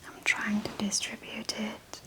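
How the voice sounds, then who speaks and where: Whispering woman in slow ASMR role-play. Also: mid-range voice, completely flat delivery. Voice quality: soft, breathy whisper. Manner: unhurried, narrating each small hand movement in short phrases. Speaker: ASMR host.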